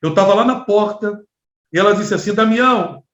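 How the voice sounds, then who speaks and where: A middle-aged man with a Rio de Janeiro accent preaching a storytelling sermon as pastor, animated and acting out the people he quotes. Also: sits high, brisk. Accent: Rio de Janeiro Portuguese. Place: church hall. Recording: echoey church, slightly dull sound.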